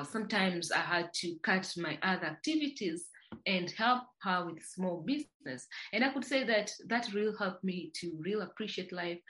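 On a low-quality recording, a Tanzanian company founder with a lowish, fairly bright voice recounts her life in a casual podcast interview. Her manner is reflective, full of fillers and sentences she starts over.

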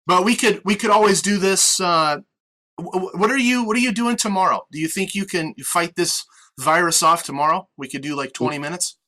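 Bright, higher-pitched American male podcast host. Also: fairly quick. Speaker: podcast host with on-air experience. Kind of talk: casual sports podcast chat. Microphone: online video meeting call.

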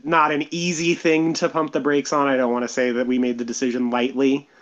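A man co-hosting a podcast in casual chat, speaking haltingly and carefully with a self-deprecating touch, recorded on his phone. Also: mid-range voice, flat delivery, muffled recording. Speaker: podcast co-host.

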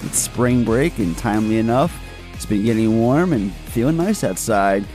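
A man's voice: lowish voice, animated, moderate pace, over music. A man hosting a casual film podcast, with upbeat, breezy emcee patter and casual swearing. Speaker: podcast host.

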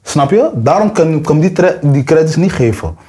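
A man's voice: on the high side, moderate pace, slightly rough. A young man rapper, interview guest, talking in casual street slang and acting out quotes with a raised voice. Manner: animated, acts out quotes with raised voice.

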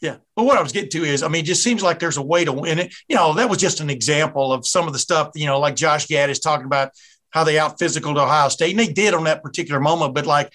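Southern American male host, bright upper voice, casual rambling interviewer. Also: on the high side, fast. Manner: rambling, chatty, many restarts. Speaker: podcast host. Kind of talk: casual sports podcast interview.

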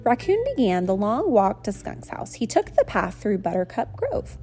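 A woman reading a children's storybook aloud to her kids in a lively, sing-song voice. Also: medium pitch, moderate pace, faint music behind.

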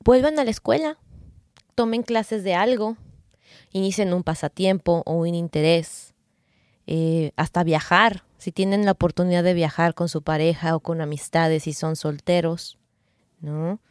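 A woman's voice: fairly low pitch, measured pace, darkish tone, no echo, studio quality. A middle-aged Mexican woman co-hosting a casual podcast, chatty, working through a list of tips with asides. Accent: Mexican Spanish. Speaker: podcast co-host.

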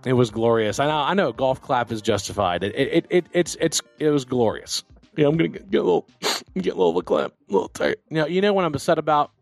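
An American talk show host from Louisiana and Texas trades casual sports banter, speaking emphatically and repeating phrases for effect. He talks fast in a mid-range voice with big swings in pitch, on a dry recording with faint music behind him.

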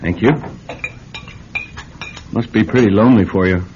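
An actor playing a polite, hesitant young soldier home from war in a radio drama. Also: male voice, fairly low pitch, natural voice. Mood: earnest, hesitant. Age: young adult. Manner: polite, halting, mild. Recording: dull, noisy old radio recording.

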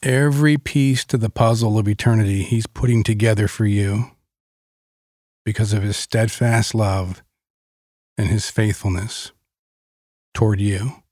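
Slow, calm man guiding a meditation. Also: fairly low pitch, no echo, studio quality. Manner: slow, calm, deliberate with long pauses. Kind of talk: guided meditation with Bible teaching.

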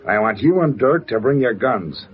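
An actor playing a menacing racketeer boss with deliberate, tough gangster talk in an old radio drama. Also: male voice, medium pitch, animated, faint music behind, close to an everyday voice. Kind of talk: 1940s radio acting. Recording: muffled old radio recording.

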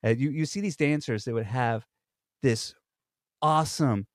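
Clean studio audio with no room sound carries a man's medium-pitched, slightly slow voice. He's a podcast co-host chatting casually, telling rambling stories with lots of fillers and restarts.

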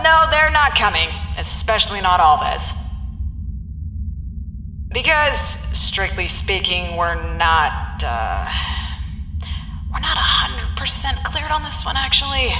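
An actress playing an overconfident researcher who waves away every risk. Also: female voice, mid-range voice, sharp tone, a little hiss or hum. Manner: breezy, overconfident. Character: overconfident female researcher leading a test. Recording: echoey hall from far off.

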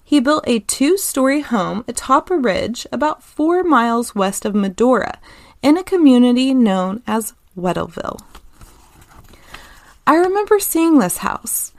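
A woman's voice: fairly high pitch, very animated, a little slow, dry recording. A woman co-hosting a podcast, casually chatting and reading an old news story aloud with informal asides. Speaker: podcast co-host.

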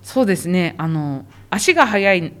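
A woman's voice: lowish voice, animated, moderate pace, a bit bright, clear, resonant tone. A woman who works as a zoo animal specialist, explaining animal behavior patiently and in detail for a podcast interview.

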